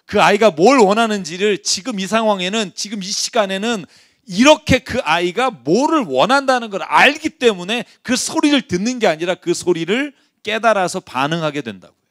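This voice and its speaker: A man preaching a sermon as pastor, conversational and lively, asking his listeners rhetorical questions. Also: high-pitched, normal speed, no room sound, studio quality.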